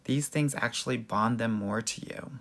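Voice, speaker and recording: A man with a Southern Californian Valley accent hosts a casual live question-and-answer chat, giving dating advice in a sassy, slangy way with a husky, gravelly voice. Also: mid-range voice, normal speed, fairly bright tone. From Southern California, United States. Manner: sassy, slangy, addresses viewers as girl.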